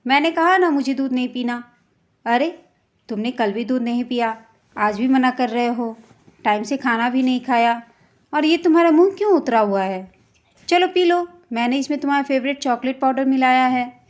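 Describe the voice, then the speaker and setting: A woman's voice: high-pitched, moderate pace, lightly acted. A woman voicing a strict young mother in a family story, coaxing and scolding her son. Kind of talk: storytelling role voice.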